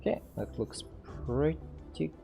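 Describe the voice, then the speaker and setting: A man's voice: a little high, big pitch swings, slow pace, creaky, music in the background. A man, a game developer, casually commenting on a livestream as he plays, thinking aloud with fillers and reading game text. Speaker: game developer streaming gameplay.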